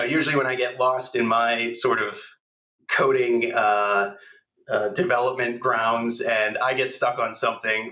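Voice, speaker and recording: A man hosting a podcast in a relaxed, chatty way with fillers and restarts, his voice caught on a backup device so it sounds tinny and metallic, like talking inside a tin can. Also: medium pitch, reverberant. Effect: tinny, hollow metallic sound like talking inside a tin can. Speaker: podcast host. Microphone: backup recording device, not the studio mic.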